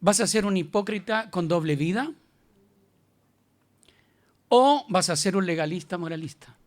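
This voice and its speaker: A man's voice: high voice, animated, a little slow. A male pastor with a Chilean accent, preaching an emphatic, colloquial sermon. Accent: Chilean Spanish.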